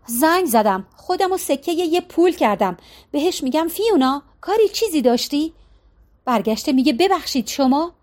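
A woman voicing an exasperated adult daughter arguing lively with her mother on the phone in an audiobook. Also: high-pitched.

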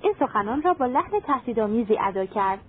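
A woman's voice: a little high, husky. Woman reading a fairy tale, tinny line. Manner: even, formal reading. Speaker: storyteller. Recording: tinny phone-like sound.

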